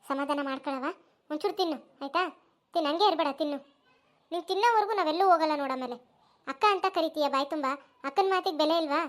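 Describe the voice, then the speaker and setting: A woman's voice: sits high, quick pace, lightly acted. A woman voicing a caring, bossy village woman who scolds and comforts like an elder sister. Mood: consoling. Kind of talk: cartoon voice acting.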